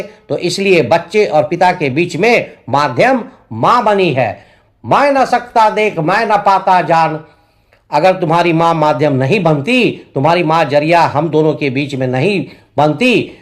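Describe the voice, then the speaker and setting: A male tutor explaining a poem line by line, repeating each verse and paraphrasing it in simple words. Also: on the high side. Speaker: Hindi tutor.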